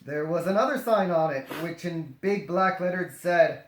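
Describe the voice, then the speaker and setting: A man with a somewhat high voice reads a story aloud for comedy at a normal pace, interrupting himself with jokey, dramatized ad-libs. The recording has a roomy echo plus faint noise and clicks.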